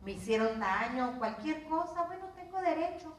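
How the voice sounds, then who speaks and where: An older Mexican woman leads a workshop class in a high, light voice, talking casually and asking her listeners questions. She sounds set back from the microphone in a roomy lecture space with a noticeable echo. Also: lively intonation, normal speed, far from the mic, a little hiss or hum. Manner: conversational, asks the audience questions. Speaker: course instructor.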